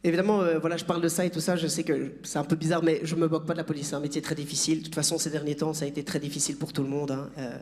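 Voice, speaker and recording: Self-mocking stand-up comic. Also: male voice, on the high side, level tone, rapid-fire, few pauses, darkish tone. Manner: self-mocking, chatty, teases the audience. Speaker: stand-up comedian. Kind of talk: stand-up comedy set. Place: theatre stage.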